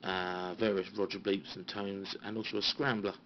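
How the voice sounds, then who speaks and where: A British enthusiast shows viewers around his hobby equipment in a small home radio room, speaking in a low voice with little pitch movement. His casual show-and-tell is halting and understated, recorded on a handheld phone that gives a dull sound with faint noise.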